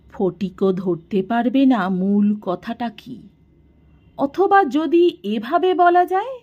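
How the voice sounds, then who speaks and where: Woman narrator for a classic story, slow, very expressive, somewhat muffled sound. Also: mid-range voice.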